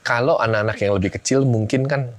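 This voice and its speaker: A man's voice: medium pitch, quick pace. A middle-aged man, a guest on a family talk show, chatting casually and acting out family conversations as he tells stories. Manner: animated storyteller, acts out family dialogue. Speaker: guest speaker on family life.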